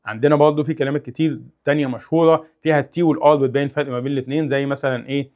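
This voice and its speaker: Man, Egyptian Arabic accent, quick teacher's patter, exaggerated demonstrations, young adult. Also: mid-range voice. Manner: fast, animated, exaggerates sounds to demonstrate. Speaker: English teacher. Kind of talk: casual explanatory lesson.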